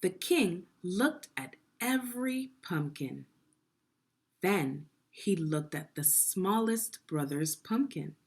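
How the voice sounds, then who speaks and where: Reading a story to a group of children, this woman teacher is expressive and measured, teaching as she goes and pausing to pose guiding questions. Her voice is lowish with a breathy edge.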